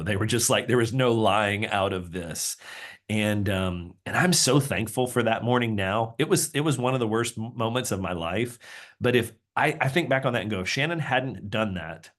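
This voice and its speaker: Brief: middle-aged male pastor, low-pitched, earnest testimony with frequent restarts. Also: fairly bright tone. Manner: earnest and confessional, many restarts. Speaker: pastor, interview guest. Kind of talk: candid personal testimony.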